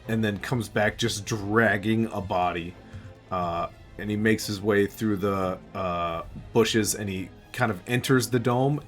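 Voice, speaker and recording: A man narrating as game master in a tabletop game, relaxed with many filler words. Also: fairly low pitch. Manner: relaxed, full of ums and uhs.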